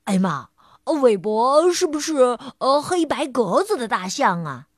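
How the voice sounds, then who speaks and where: A woman's voice: high voice, sing-song, unhurried, no echo, studio quality, heavily acted. A woman voicing a hesitant, stammering elephant in a storybook reading.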